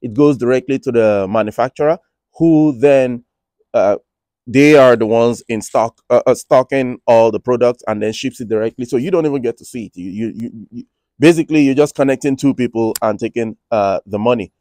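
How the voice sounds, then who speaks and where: A finance vlogger with a Nigerian accent, based in the Republic of Ireland, rambles casually about his money and trading, restarting often and leaning on fillers. His mid-range voice is brisk and mellow, captured in studio quality with no room sound.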